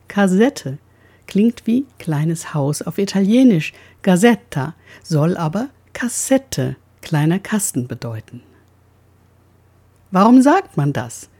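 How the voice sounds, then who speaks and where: A woman's voice: medium pitch, warm tone, breathy edge. A woman giving a precise talk on pronunciation, who says the sounds aloud as she explains them.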